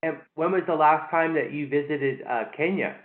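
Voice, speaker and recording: Guy hosting an interview, kinda high voice, stumbles and repeats himself, echoey room. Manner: halting, hesitant, repeats words. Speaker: interview host. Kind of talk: casual interview. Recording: echoey, tinny phone-like line.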